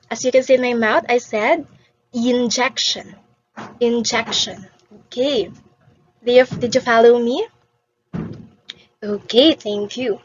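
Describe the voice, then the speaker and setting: A woman's voice: fairly high pitch, darkish tone, breathy edge, no room sound, lo-fi sound. A woman teaching an English vowel lesson to beginners, patiently repeating each word for the class to copy.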